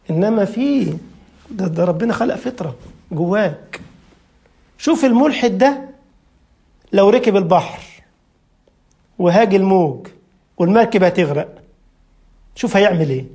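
A man's voice: sits high, a little mellow. A man with an Egyptian accent preaching a sermon, firing off rhetorical questions and acting out the people he argues against. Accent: Egyptian Arabic.

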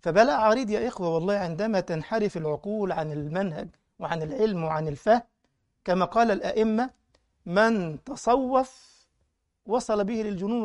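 A man with an Egyptian Arabic accent preaching in colloquial style, telling stories in an animated, mocking way. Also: high voice, no room sound, clean studio sound. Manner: animated, mocking storyteller with laughter. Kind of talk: colloquial sermon with storytelling.

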